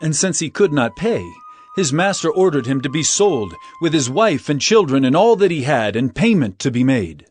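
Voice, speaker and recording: An actor playing Jesus as an earnest, emphatic teacher of solemn parables in a dramatized scripture reading. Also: male voice, on the high side, sing-song, normal speed, breathy edge. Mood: solemn storytelling.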